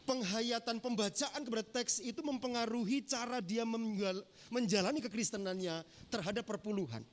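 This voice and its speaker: A man with a fairly high voice delivers a church sermon. He teaches in a measured, deliberate way, pausing often and reaching for words with fillers. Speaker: pastor. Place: church sanctuary.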